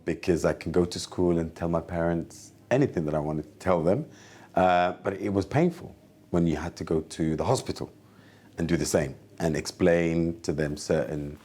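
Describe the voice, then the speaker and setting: Earnest forties man from Somalia, low and mellow; interview founder. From Somalia, raised in the UK. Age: 40s. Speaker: community organisation founder. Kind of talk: interview speaking to camera.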